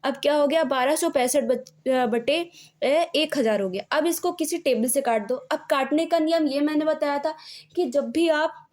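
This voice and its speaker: A woman with a high voice teaches maths for an exam course, speaking close to the mic over an on-screen lesson. She walks through each step patiently, checking in with her students as she goes. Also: normal speed, darkish tone. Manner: explains step by step with fillers and repeated checks. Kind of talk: exam-prep video lesson.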